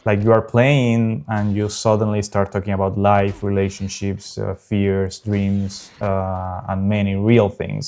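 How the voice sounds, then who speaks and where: An earnest man in his early 30s from South America hosts a gaming channel, chatting casually over gameplay with a South American Spanish accent. His low voice is monotone and a little mellow, and his unpolished delivery has frequent pauses.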